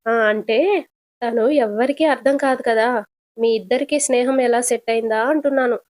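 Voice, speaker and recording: A woman's voice: a little high, steady tone, moderate pace, darkish tone, no echo, clean studio sound, close to an everyday voice. A woman voicing a blunt, teasing young male cab driver while retelling a serial episode, firing probing questions. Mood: prying.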